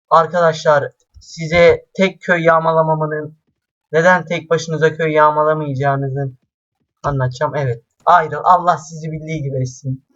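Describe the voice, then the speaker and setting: A man doing casual let's-play commentary, chatty and excitable, swearing often and talking straight to his viewers. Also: on the high side, dull audio. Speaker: gameplay commentator. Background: faint game music.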